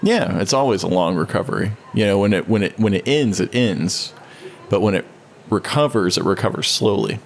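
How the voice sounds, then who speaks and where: A man co-hosting a relaxed podcast conversation, rambling and restarting his thoughts as he talks. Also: normal speed, vocal fry. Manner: rambling, with many restarts, briefly mimics others in a high voice. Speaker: podcast co-host. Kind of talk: casual conversation. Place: home studio.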